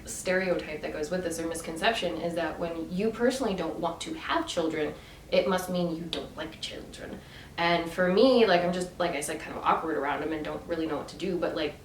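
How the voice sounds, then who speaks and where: A woman with a voice on the low side tells stories in a casual, chatty vlog, filling her talk with fillers and restarts. She's recorded from a distance in an echoey room, with slight background noise and faint ambience.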